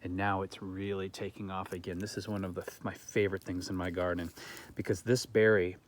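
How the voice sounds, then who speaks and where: Man, gardening vlogger, low voice, earnest, reflective, rhetorical questions, outdoors in garden. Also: little pitch movement, a little fast, a little hiss or hum. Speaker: gardening channel host. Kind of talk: reflective talk to camera.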